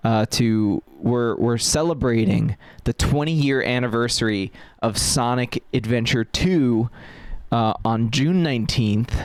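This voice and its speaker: A man's voice: mid-range voice, smooth, no room sound. A man hosting a casual chat, rambling with lots of fillers and restarts. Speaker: podcast host.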